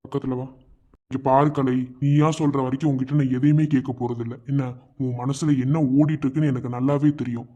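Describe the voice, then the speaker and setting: A man's voice: mid-range voice, little pitch movement, brisk, mellow, slight background noise, natural voice. A man voicing a male college student who earnestly reassures his fiancée and promises to protect her. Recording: dull lo-fi sound.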